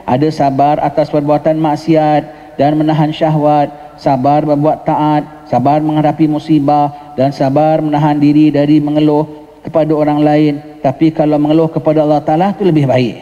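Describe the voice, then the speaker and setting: A man's voice: fairly high pitch, little pitch movement, normal speed, warm tone, dull audio. Johor malay guy teaching in a mosque, patient, tosses in english words, voice rings round the hall. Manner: explains patiently, mixes in English words, asks the listeners "ha?". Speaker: religious teacher. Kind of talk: mosque lecture on a religious text. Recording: long hall reverb.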